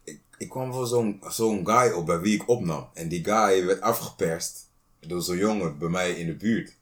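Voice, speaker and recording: Low-voiced laid-back man, street slang. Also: moderate pace. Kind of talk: casual chat, storytelling.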